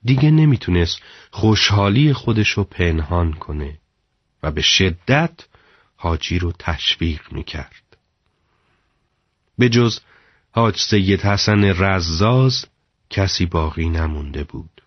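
Deep-voiced male storyteller. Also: animated, slightly rough, dry recording, highs cut off. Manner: measured, dramatic storytelling delivery. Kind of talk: scripted narration of a story.

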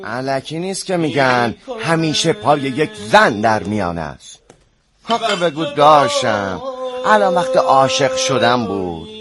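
An actor playing a reflective treasure hunter who muses about life and love. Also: male voice, mid-range voice, very animated, music in the background, natural voice. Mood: musing. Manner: musing, philosophical.

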